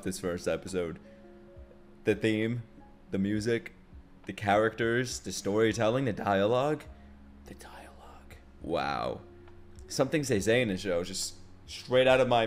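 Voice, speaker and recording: A young man reacts to what he watches as a video host. His voice is a little low, and he talks casually in slangy exclamations. Faint music plays behind him. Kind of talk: casual, excited live reaction commentary.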